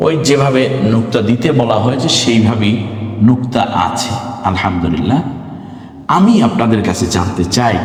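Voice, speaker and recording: A man teaching Quran reading over slides, patient and explaining step by step with examples, with a Bangladeshi Bengali accent. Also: medium pitch. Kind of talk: online slide lesson. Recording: very echoey room with long reverb.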